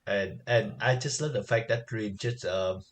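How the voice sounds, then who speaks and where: Low-voiced man, halting podcast chatter. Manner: halting, many fillers, frequent "yep" agreement. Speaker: podcast co-host. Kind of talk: casual chat reviewing anime.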